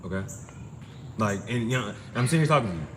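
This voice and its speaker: This amateur tarot streamer's voice is fairly low, animated and fast as he gives a casual spiritual reading. He hammers his advice home, repeating it insistently and emphatically. Background ambience is clearly noisy.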